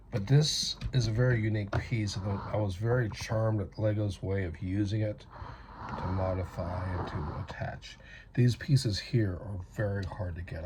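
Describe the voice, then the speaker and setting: A man's voice: low voice, background noise. A man from North America giving a rambling, chatty hands-on toy review with self-aware asides.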